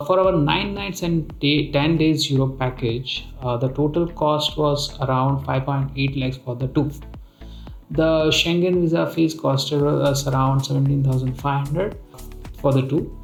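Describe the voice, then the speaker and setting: A man with an Indian accent narrates a travel vlog conversationally, like he is telling friends a story. His voice sits a little high with noticeable creak. It was recorded in a roomy space with echo. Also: a little slow. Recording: roomy echo, music bed. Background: music.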